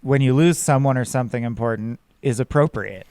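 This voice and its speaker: Male podcast host, smooth resonant voice, dry close sound; attentive, reflective interviewer. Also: medium pitch, brisk, a little mellow, dry recording. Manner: attentive, frequent short affirmations. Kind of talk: casual podcast conversation.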